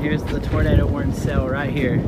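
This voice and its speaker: High-voiced man talking over tornado sirens. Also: little pitch movement, a little fast. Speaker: storm chaser presenting the vlog. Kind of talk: casual on-location vlog commentary. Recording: very noisy outdoors, wind, vehicle, sirens.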